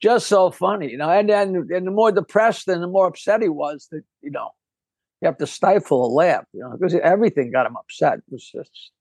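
An older man, a comedian guest, telling stories in a lively, rambling way, often breaking off and restarting with a chuckle. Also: sits high, brisk, gravelly, slightly rough, no room sound. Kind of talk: casual storytelling interview.

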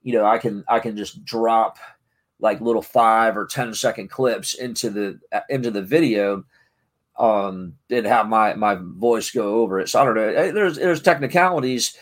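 A middle-aged man in a casual talking-to-camera vlog, rambling excitedly with lots of restarts. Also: lowish voice, moderate pace. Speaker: vlogger and parent.

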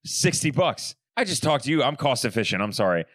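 A man's voice: mid-range voice, sing-song, fairly quick, a bit bright, no echo. A man co-hosting a casual podcast, playful and wisecracking as he tells stories. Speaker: podcast co-host. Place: home room called Florida room.

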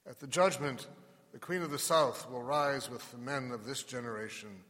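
A man, a priest reading the gospel and preaching a homily in a measured, pausing way, his voice ringing with long church reverb. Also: mid-range voice, a bit bright. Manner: measured, unhurried preaching with pauses. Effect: long cathedral-like church reverb. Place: large church.

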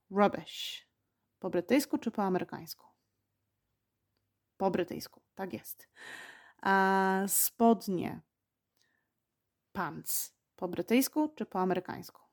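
A woman hosting a podcast lesson, speaking slowly and patiently and repeating each word for learners. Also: mid-range voice. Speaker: English teacher and podcast host.

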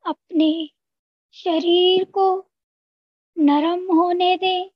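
In a scripted guided meditation, a woman with an Indian accent gives gentle instructions in short phrases separated by long pauses. Her voice is very high and steady in tone, captured in a dry recording with the highs cut off.

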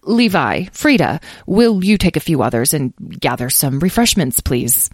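A woman's voice: deep voice, very animated, moderate pace, a little mellow, slightly rough, dry recording, clean studio sound, heavily acted. A woman voicing a formal elderly man who leads a guild, speaking hesitantly and apologetically. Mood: apologetic.

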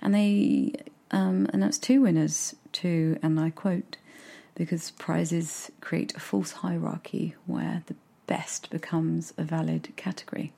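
Low husky British woman, half-whispering. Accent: regional British, drops consonants. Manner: soft-spoken, often drops to a whisper, musing. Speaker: writer vlogging about her novel draft. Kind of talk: casual reflective talk to camera.

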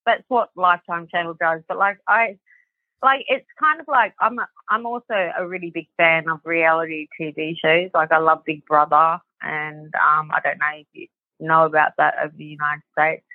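A woman's voice: low-pitched, steady tone, moderate pace, no echo. An Australian woman, a guest author, chatting casually, rambling with lots of fillers and swearing. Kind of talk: casual podcast chat. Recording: dry tinny phone line.

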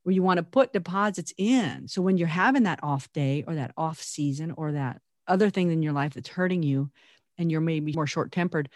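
A woman's voice: low voice, normal speed, no room sound, clean studio sound. Earnest, intense woman co-host. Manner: earnest, intense, laughs often. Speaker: podcast co-host. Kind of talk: casual faith-based chat.

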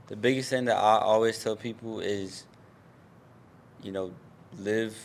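A man's voice: fairly low pitch, steady tone, a little slow, creaky. A young adult man who works as a teacher, giving earnest, plain-spoken advice in casual chat.

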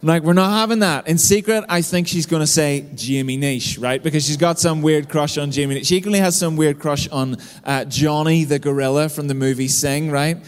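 A man's voice: fairly high pitch, a little fast, hardly any pauses, smooth. Man preaching in a reverberant hall. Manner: storytelling, keeps adding "right?" tags. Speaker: pastor. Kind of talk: conversational sermon.

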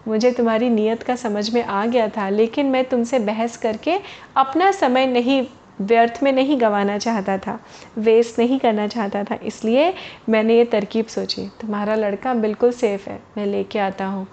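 A woman's voice: fairly high pitch, steady tone, moderate pace, a little mellow, close to an everyday voice. A woman voicing a clever, sly young village man who outwits a cheat in a children's storybook tale. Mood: calm. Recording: dull lo-fi recording.

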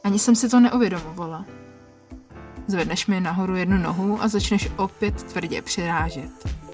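A woman narrating an erotic story in the first person, quiet and intimate, with a husky voice. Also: on the low side, soft background music. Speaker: podcast narrator.

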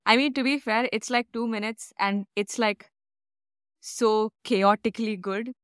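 A woman's voice: a little high, fairly even intonation, measured pace, clean tone, no room sound. A woman hosting a podcast, chatting casually with a bubbly, giggly manner and loose fillers. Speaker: podcast host. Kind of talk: casual chat.

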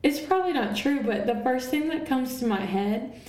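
A woman's voice: sits high, lively intonation, moderate pace, darkish tone. A woman co-hosting a church podcast in casual chat, laughing often. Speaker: podcast co-host. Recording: roomy echo.

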